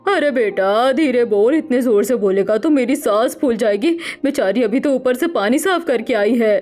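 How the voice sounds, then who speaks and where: A woman's voice: on the high side, expressive, moderate pace, faint music behind, lightly acted. Woman playing a frail, worried old mother. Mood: pleading. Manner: soft, pleading, worried. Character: ailing elderly mother, gentle and pleading.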